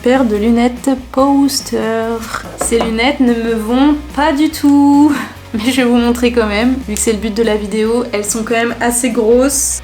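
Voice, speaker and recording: A woman's voice: fairly high pitch, fairly even intonation, unhurried, a little mellow, soft background music. Chatty young woman, slangy and casual. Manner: chatty, informal slang, many fillers. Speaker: vlogger selling clothes. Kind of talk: casual chat, showing items to camera.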